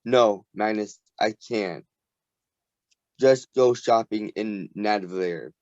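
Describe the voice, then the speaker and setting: A man voicing a vain, haughty woman goddess in a dismissive, imperious way, read slowly from a storybook. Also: on the low side, a little mellow, dry recording. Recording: dull lo-fi recording.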